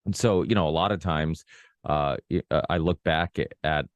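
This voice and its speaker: On this dry, muffled recording, a bass-voiced man speaks at a moderate pace. He is a Portuguese-born native speaker of Portuguese, roughly forty, hosting a casual long-form podcast and rambling with frequent restarts and "you know, like".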